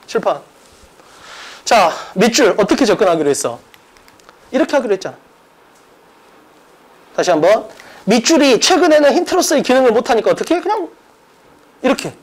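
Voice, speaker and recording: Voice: medium pitch, very animated, normal speed, long pauses, low-quality recording. An English exam-prep teacher and academy director giving a mock exam explanation lecture, emphatic and casual with students, drilling points through repetition and rhetorical questions. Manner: casual informal speech to students.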